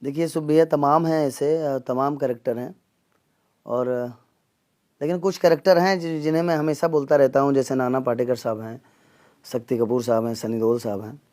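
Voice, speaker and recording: A man from the Gonda region, a comedian answering interview questions earnestly, with pauses and fillers. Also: mid-range voice, fairly even intonation, a little mellow. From Gonda region, northern India. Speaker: comedian and mimic, interview guest.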